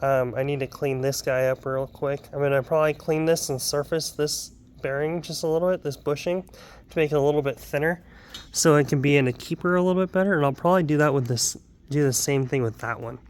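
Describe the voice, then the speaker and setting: A slightly sick, wheezy young man vlogs from his home garage as a car hobbyist, rambling with asides and filler ums. His fairly high voice is smooth and fairly even in intonation, moving a little fast.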